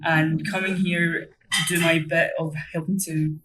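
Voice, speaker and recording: A young woman with a Glaswegian accent, speaking thoughtfully with many pauses and restarts as a mentorship volunteer. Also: deep voice, level tone, a bit bright, slight background noise, poor audio. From Glasgow, Scotland. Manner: reflective, hesitant with many ums and restarts. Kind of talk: casual interview answers.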